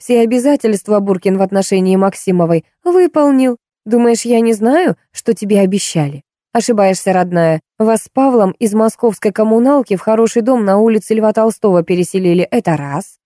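A woman's voice: medium pitch, expressive, a little fast, few pauses, warm tone, dry recording, studio quality, pitched above the performer's own voice, lightly acted. A woman reading an audiobook, voicing a harsh, angry female housekeeper who scolds and snaps. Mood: scolding.

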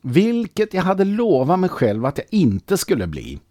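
A man's voice: high-pitched, dry recording. A man in his sixties, hosting a radio show in a wry, casual way on a close studio mic. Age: 60s. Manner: wry and lively.

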